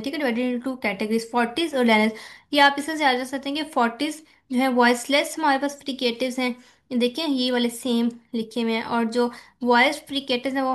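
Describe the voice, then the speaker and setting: Female lecturer, high voice, walks through slides, constantly checks in with the class and answers her own questions. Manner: mixes English terms into explanations, asks and answers her own questions; repeats "theek hai" as a check-in. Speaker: teacher.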